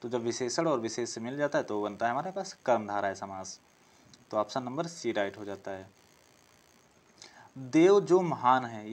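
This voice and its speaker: A man with a medium-pitched voice runs an exam-prep session, voicing the questions, supplying the answers, and restating key phrases throughout his explanations.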